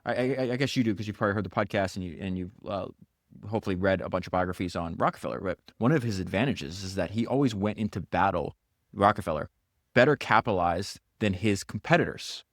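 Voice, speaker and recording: A man hosting a podcast, retelling a biography in fast, animated bursts, acting out quotes, with stammered restarts. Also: deep voice, no echo, clean studio sound. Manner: animated, acts out quotes in character. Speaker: podcast host.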